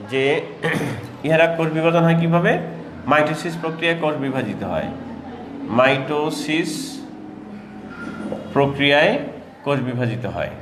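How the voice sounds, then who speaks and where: A man teaching an exam-prep lecture, asking questions and answering them himself and repeating key terms slowly. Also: fairly high pitch, background noise. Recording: echoey room with faint ambience.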